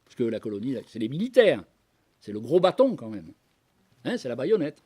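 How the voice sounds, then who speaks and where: A man's voice: mid-range voice, big pitch swings, fairly quick, dark tone, husky. A man speaking as a guest at a public debate, lecturing conversationally to a live audience with many asides, hesitations and passages read aloud. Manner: reads historical documents aloud.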